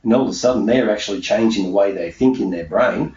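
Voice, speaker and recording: A middle-aged man, a self-employed mindset coach, answers interview questions in an emphatic, conversational way, repeating himself to drive points home and punctuating them with "okay." His voice is lowish, fast and darkish in tone. The recording sounds roomy, distant and muffled, with faint background noise.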